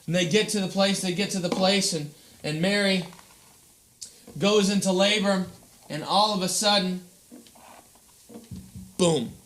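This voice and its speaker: Playful, bright-voiced children's preacher. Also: male voice, high-pitched, a little slow, pauses often. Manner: playful, animated, uses props, addresses children. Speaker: children's pastor. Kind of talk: children's sermon storytelling.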